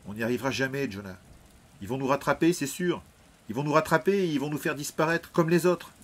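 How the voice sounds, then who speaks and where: A gentle, frightened teenage boy pleads anxiously with his brother, as a man voices him in an audiobook. The voice rises high above the narration, with a husky edge. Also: fairly quick, natural voice. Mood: despairing. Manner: fearful, pleading.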